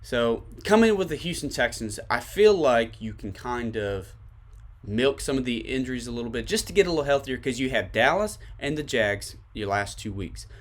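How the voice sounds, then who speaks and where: A man's voice: medium pitch, lively intonation, moderate pace. A man with a Tennessee accent hosting a sports podcast, giving emphatic commentary to his listeners and repeating his points for stress.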